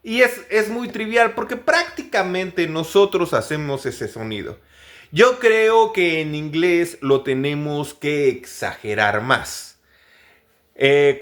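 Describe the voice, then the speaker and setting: A man's voice: on the high side, fairly bright tone. A man from Mexico with a Mexican Spanish accent, giving a pronunciation lesson and repeating each practice word several times. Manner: slow, repeats words many times as drills. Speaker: English pronunciation teacher.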